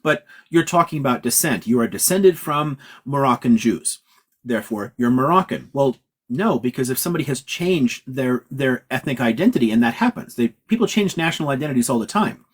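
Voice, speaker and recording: A man's voice: mid-range voice, expressive, brisk, husky. A man from California, a professor hosting a livestream Q&A, explaining ideas emphatically in a lecturing way and swearing casually. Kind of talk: livestream lecture-style chat.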